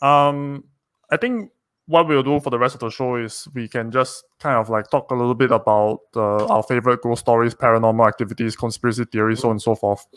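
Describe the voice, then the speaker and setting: A man's voice: medium pitch, steady tone, a little fast, a bit bright, clean tone, no room sound. A Singaporean man hosting a casual group talk, explaining things in a conversational way. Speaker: host.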